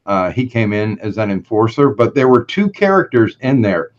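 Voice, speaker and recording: A man's voice: on the low side, sing-song. A man co-hosting a podcast, talking casually and hesitantly. His voice arrives over a video call with a thin, metallic, tin-can ring. The audio is dull and lo-fi throughout. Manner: hesitant, halting delivery. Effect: tinny, metallic-sounding voice. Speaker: podcast co-host and writer. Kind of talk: casual chat. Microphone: video call app.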